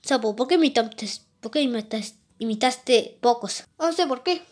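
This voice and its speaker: A woman doing playful plush-toy role-play of a video game, jumping quickly between excited, squealing character voices. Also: a little high.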